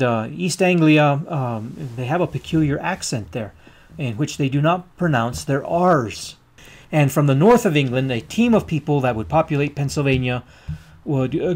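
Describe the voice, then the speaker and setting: A man lectures on geography while marking up a map. His voice sits at an ordinary middle pitch. He pauses often with ums and uhs and restarts his sentences. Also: darkish tone. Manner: halting, many ums and uhs, pointing at a map with a pen. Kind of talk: recorded lecture over maps.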